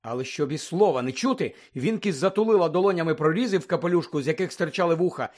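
A man narrating a children's fantasy novel as an audiobook, in a steady storytelling delivery. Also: fairly high pitch, quick pace. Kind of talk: scripted narration.

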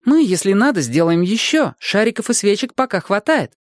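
A man's voice: high voice, very animated, moderate pace, no room sound, pitched above the performer's own voice. A thoughtful young boy makes careful suggestions in a slightly raised voice, as a man reads him. The sound is dry and up close. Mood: cautious. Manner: cautious, suggesting.

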